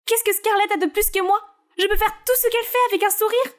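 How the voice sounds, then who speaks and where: A woman's voice: very high voice, fast, voice pushed up. A woman doing an eager, starstruck teen girl. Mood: pleading. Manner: excited and pushy. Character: eager, starstruck teenage twin sister. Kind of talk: storybook character voice.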